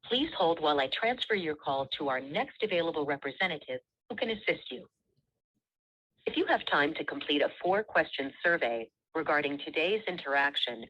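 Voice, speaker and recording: A low, slightly husky woman's voice plays from a recorded phone menu on a speakerphone. She reads automated prompts in a measured, polite way while her pitch rises and falls a lot. The sound is muffled and dull. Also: fairly bright tone. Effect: recorded phone menu voice heard over a speakerphone.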